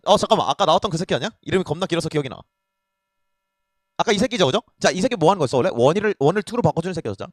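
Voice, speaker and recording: A man's voice: fairly high pitch, dry recording. A man teaching a reading lesson in a casual, blunt way, swearing freely and often checking that students are following. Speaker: Korean language tutor. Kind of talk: lecture on reading a passage.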